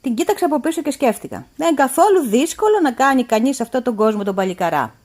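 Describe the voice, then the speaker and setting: A female storyteller giving an expressive, animated read-aloud narration. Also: sits high.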